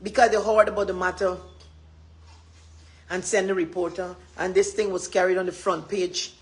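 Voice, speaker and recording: A woman's voice: fairly low pitch, level tone, normal speed. A woman with a Guyanese accent gives an impassioned, rambling live address as a community advocate, repeating her points with emphasis.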